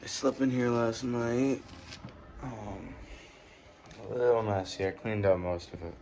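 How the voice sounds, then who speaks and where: Young male vlogger, low-pitched, casual rambling delivery, muffled phone recording. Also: steady tone, measured pace, a little mellow, echoey room. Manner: rambling, many fillers and restarts. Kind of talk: casual room tour vlog. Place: small bedroom, indoors. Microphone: phone camera. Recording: dull lo-fi phone audio with faint hiss.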